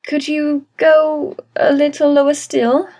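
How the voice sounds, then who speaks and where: A woman's voice: high-pitched, unhurried, a little mellow, breathy edge, pitched above the performer's own voice. A woman voicing a wealthy female guest who speaks in a slightly shaky, persuasive way. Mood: coaxing.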